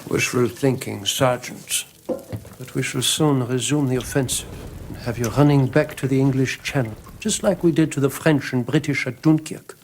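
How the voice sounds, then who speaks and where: A man's voice: medium pitch, normal speed, close to an everyday voice, low-quality recording. A man acting a German army lieutenant in a war film, proud and courteous. His German-accented speech is formal and politely assured, over faint noise and clicks. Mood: confident, defiant. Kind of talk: film drama dialogue.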